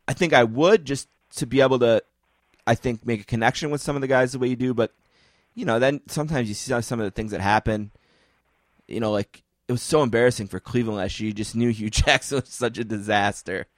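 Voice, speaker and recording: In a dry studio recording, a man with a mid-range voice hosts a podcast, keeping the talk chatty and self-deprecating with rapid little asides.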